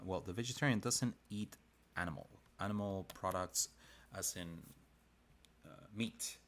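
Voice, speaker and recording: A man who hosts design videos, chatting casually and rambling a little while he draws a comic on a live stream. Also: deep voice. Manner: chatty and rambling, with frequent restarts. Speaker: illustrator and design video host.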